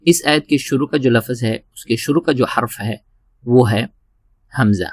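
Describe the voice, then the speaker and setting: A man teaching Quran recitation step by step, slow and patient, repeating each word and rising into long drawn-out chanted recitation. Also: mid-range voice, no echo, studio quality.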